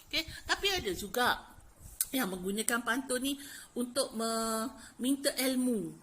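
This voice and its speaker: A woman's voice: a little high, lively intonation, a little slow, a bit bright. A Malaysian woman teacher with a Malay accent giving a lesson to young pupils, chatty and full of fillers like "okey" and "ha". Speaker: primary school teacher. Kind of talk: classroom lesson explaining poetry.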